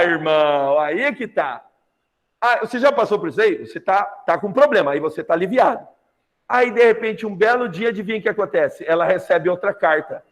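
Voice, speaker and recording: A man with a Brazilian Portuguese accent teaching a literature lesson, retelling a novel and acting out the characters' lines. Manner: lively, acts out characters' lines with big pitch jumps. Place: classroom. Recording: long reverb.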